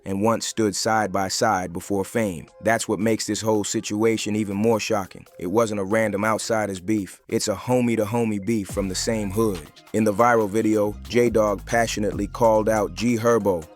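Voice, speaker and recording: A man reads a scripted commentary in a low, flat voice that barely rises or falls. His delivery is measured and even, with faint music running underneath. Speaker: narrator.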